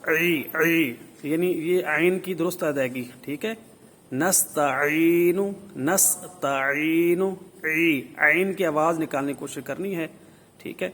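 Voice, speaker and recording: A man's voice: on the high side, a bit bright. Man teaching Quran recitation rules. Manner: explains slowly, models drawn-out sample recitations. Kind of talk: tajweed lesson.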